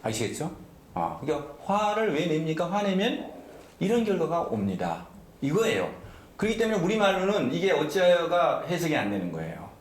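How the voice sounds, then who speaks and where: A man's voice: a little high, very animated, normal speed, reverberant. A man preaching a sermon as pastor, emphatic and often asking the congregation questions. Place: church sanctuary.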